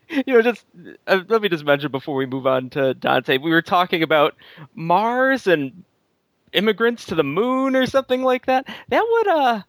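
A man's voice: high voice, very animated, measured pace, long pauses, fairly bright tone, no echo. A man co-hosting a call-in show, wry and joking as he reads out listener questions. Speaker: co-host and producer. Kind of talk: call-in talk show banter.

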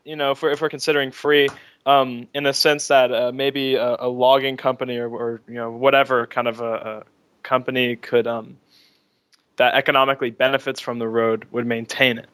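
Hesitant male caller, smooth dry voice. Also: medium pitch, flat delivery, fairly quick, fairly bright tone, dry recording. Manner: hesitant, apologetic, full of fillers. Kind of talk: call-in conversation.

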